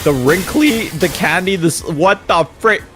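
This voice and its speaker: A young man streaming a game, joking and chatting excitably with his viewers. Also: sits high, measured pace, music in the background. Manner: excitable, joking, talks back to chat. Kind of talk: casual live-stream banter.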